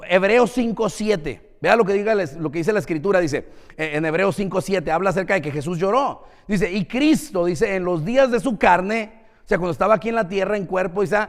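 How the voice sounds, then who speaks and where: A man preaching a sermon as pastor, lively and engaging, often asking the congregation questions. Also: high voice, big-room sound. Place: church.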